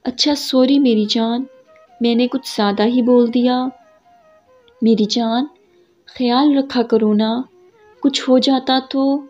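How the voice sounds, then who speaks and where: Woman reader doing an angry storybook husband, loud and fast-scolding, slightly high voice, muffled with soft music behind. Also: steady tone, close to an everyday voice. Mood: tender apologetic. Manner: shouting, scolding, sarcastic. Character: angry young husband, quick-tempered but caring.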